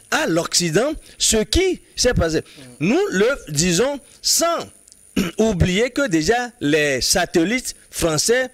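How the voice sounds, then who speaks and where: Insistent and emphatic, a male commentator in a studio political debate keeps restarting words as he works toward his argument, giving a halting delivery. His voice is high-pitched, with no room sound.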